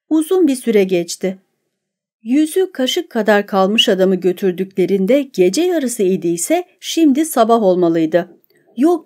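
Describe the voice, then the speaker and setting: A woman narrating an audiobook in a measured, steady reading. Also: a little high. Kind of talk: scripted narration.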